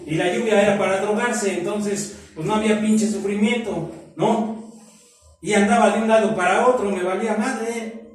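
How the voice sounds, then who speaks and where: A middle-aged man with a Mexican accent telling his own story at a recovery meeting in rough, slangy talk, acting out the friends he quotes. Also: high-pitched, recorded from a distance. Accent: Mexican Spanish. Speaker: AA group member sharing testimony. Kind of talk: personal testimony at a recovery meeting. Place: meeting room. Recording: very echoey room, speaker off-mic, faint music.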